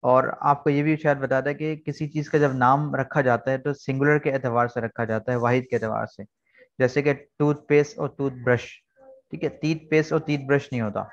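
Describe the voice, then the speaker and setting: A man's voice: mid-range voice, fairly even intonation, normal speed, lo-fi sound. A man teaching an online English lesson, explaining words patiently and repeating key points. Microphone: video call.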